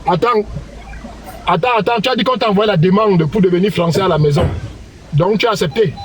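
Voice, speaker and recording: A man's voice: high voice, fast talker, a little hiss or hum. A man on a heated online panel who teases another panelist, repeating and interrupting. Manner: teasing, repetitive, interrupting.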